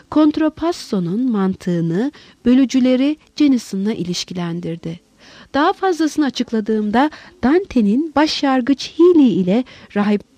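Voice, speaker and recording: A woman reading a novel aloud, narrating and voicing several men in dialogue with lively expression. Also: medium pitch, no room sound. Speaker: audiobook narrator. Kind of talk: scripted novel narration with character voices.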